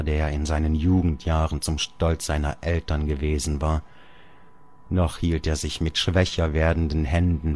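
A man narrating a literary audiobook in a measured, even storytelling manner. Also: very deep voice.

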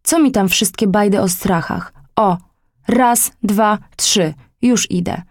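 A woman's voice: medium pitch, takes it slowly, no echo, clean studio sound. A woman voicing a hot-headed, reckless boy in a storybook reading. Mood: brash. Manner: brash, impetuous.

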